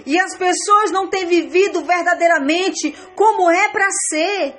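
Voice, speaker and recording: A Brazilian woman pastor preaching an earnest sermon at an unhurried pace. Her voice sits high, and she keeps circling back to repeat her points to her beloved listeners. Faint music plays behind her. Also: fairly bright tone. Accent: Brazilian Portuguese.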